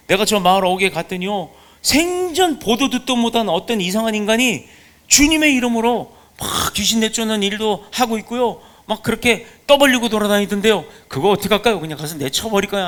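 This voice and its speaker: A man puts on a hot-headed young male disciple, scolding a stranger and running to tattle in a raised, huffy voice. The pitch jumps well above a plain speaking voice, and the scolding lines land hard. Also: fairly bright tone. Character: indignant young male disciple, zealous and protective.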